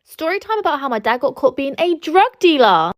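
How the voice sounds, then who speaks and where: A woman with a somewhat high voice tells her storytime tale plainly and earnestly. The recording is close and dry. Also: very animated, brisk, no room sound. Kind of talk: storytime narration.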